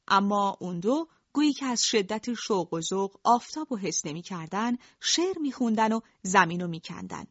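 A woman narrating a story in a calm, colloquial storytelling manner. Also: mid-range voice, dry recording, lo-fi sound.

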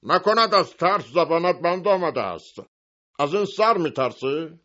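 A male narrator doing a callous horseman who taunts a boy in a raised, higher voice. He speaks loudly and with scorn, and the audio sounds a bit dull. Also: animated. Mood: taunting. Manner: loud and taunting. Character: mocking, callous grown horseman. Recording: dull lo-fi recording.

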